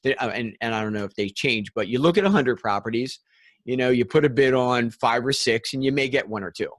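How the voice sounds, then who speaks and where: A man's voice: mid-range voice, a little fast, no room sound, clean studio sound. A man hosting a podcast interview in an upbeat, casual way, often calling his guest "dude" and "man.". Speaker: podcast host.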